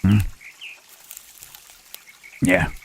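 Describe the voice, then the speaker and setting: A man playing a gentle, lonely male monster in an ASMR roleplay, speaking haltingly and formally in a husky voice. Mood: gentle, warm. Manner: halting, formal speech without contractions, trailing "huh?". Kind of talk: ASMR roleplay, intimate scripted monologue to listener.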